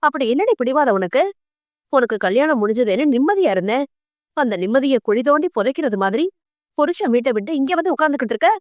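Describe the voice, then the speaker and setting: Narrator doing a nagging middle-aged mom, fast scolding, higher voice. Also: female voice, animated, dry recording, clean studio sound. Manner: scolding, exasperated.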